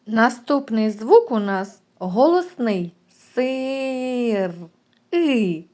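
Slow, lively-voiced woman teaching children. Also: mid-range voice. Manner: slow, clear, drawn-out sounds for children. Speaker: kindergarten teacher. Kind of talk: recorded preschool lesson.

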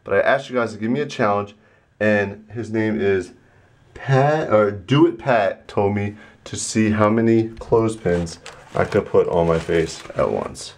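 A man's voice: lowish voice, unhurried. A man in his twenties chatting casually to a handheld camera in a small bathroom as he vlogs. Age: 20s. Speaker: vlogger. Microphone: handheld compact camera at arm's length.

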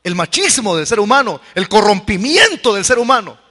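Male pastor, folksy and emphatic, high voice, long church-hall reverb. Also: very animated, moderate pace. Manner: emphatic, folksy preaching with sudden loud outbursts. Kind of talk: sermon.

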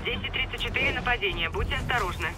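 An actor playing a calm male police dispatcher in a video game, heard over a police radio transmission with clipped, procedural call-outs. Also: very high-pitched, quick pace.

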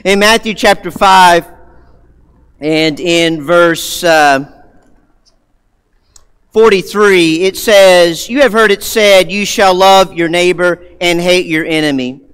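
A man preaching a sermon in a church, emphatic, repeating key words and moving between loud and hushed delivery. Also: high-pitched, takes it slowly, pauses often, clean tone. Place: church sanctuary. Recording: long hall reverb.

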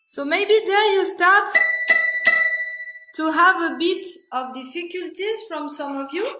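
A woman's voice: very high-pitched, sharp tone, reverberant, faint music behind, low-quality recording. Woman teaching singing. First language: French. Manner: halting, searching for words, demonstrates with sung syllables. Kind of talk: online singing workshop.

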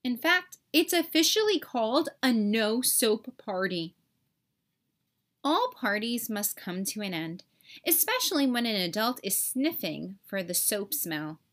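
Pitched fairly high, a woman's voice reads from a kids' storybook in a measured, expressive style full of dramatic emphasis.

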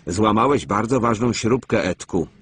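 A man voicing a calm, kindly engine driver in a cartoon story, reassuring his engine. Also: on the low side, moderate pace, slight background noise.

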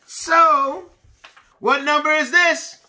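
High, bright-voiced man teaching small children. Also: steady tone, drawn-out words, rough recording. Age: middle-aged. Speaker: preschool and kindergarten teacher. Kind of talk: children's lesson addressed to young pupils. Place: small indoor room with bookshelves.

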